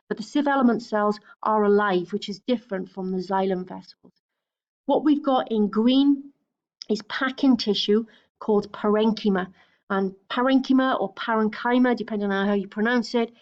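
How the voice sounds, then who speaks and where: A woman's voice: medium pitch, darkish tone, lo-fi sound. A woman teacher giving a recorded lecture over slides, explaining steadily, with frequent fillers and restarts.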